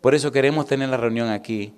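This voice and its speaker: Pastor guy, middle-aged, preaching, asks the crowd questions, goes loud then real quiet. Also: medium pitch, fast talker, clear, resonant tone. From Caribbean. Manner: storytelling, swings from loud and animated to hushed and intimate. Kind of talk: sermon.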